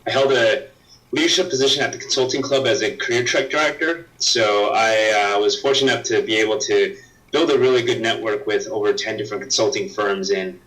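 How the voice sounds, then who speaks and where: A man in his thirties from the United States introducing himself as a student career mentor, halting with many ums and uhs. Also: lowish voice, a bit bright, recorded from a distance, poor audio. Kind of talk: self-introduction.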